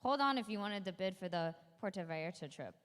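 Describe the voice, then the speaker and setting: A woman's voice: medium pitch, animated, fairly quick, fairly bright tone. A woman co-hosting a gala auction, chatting about each prize in an upbeat way with casual asides. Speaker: gala co-host presenting auction items. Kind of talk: casual emcee presentation. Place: large hall at a school gala. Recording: long hall reverb.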